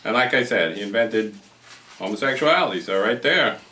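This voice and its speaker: A man's voice: fairly low pitch, animated, moderate pace, pushed and bright, recorded from a distance. A man hosting a loose comedic talk show, rambling and joking and laughing at his own lines. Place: room in a private house. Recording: echoey room, voice off-mic, faint noise.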